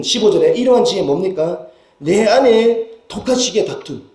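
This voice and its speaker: A man's voice: high voice, warm tone. A man preaching a Sunday sermon as senior pastor, emphatic and full of rhetorical questions to the congregation. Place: church sanctuary. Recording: echoey church hall.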